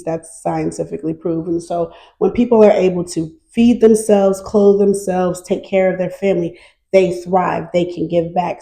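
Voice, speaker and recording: Warm, chatty woman guest. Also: lowish voice, rough recording. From North Carolina. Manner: lively, chatty, laughs easily. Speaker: guest, nonprofit founder. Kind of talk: casual interview chat.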